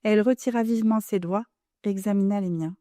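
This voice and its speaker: A woman reading a classic novel as an audiobook, in a measured, composed storytelling manner. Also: mid-range voice, mellow, no room sound, studio quality. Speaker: audiobook reader.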